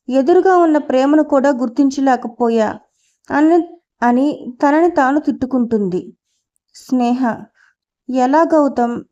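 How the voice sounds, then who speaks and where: High, mellow-voiced woman reading a story. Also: muffled recording. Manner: reads dialogue and narration in one steady voice. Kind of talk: reading a novel aloud, all voices.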